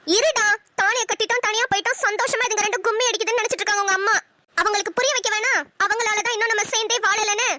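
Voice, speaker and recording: A woman voicing a fiery, sharp-tongued young wife in a cartoon, scolding in a rapid-fire stream. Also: extremely high pitch, fairly even intonation. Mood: ranting. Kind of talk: cartoon voice acting.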